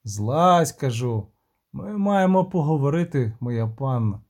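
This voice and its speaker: A man voicing a weary monster hunter who talks gruffly and curtly, with mild curses. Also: medium pitch, animated, takes it slowly, darkish tone. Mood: impatient. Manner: gruff, curt, swearing.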